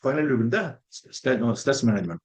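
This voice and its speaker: A man's voice: medium pitch, expressive, quick pace, darkish tone. A man giving a faculty development lecture, earnest and repetitive, stressing points as very, very important and working through everyday examples. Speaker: resource person for a faculty development program.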